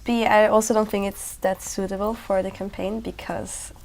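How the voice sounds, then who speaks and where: A woman's voice: mid-range voice, little pitch movement, normal speed, creaky, darkish tone. A young woman, an exam candidate thinking aloud in a conversational way. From Switzerland. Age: young adult. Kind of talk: spoken exam discussion.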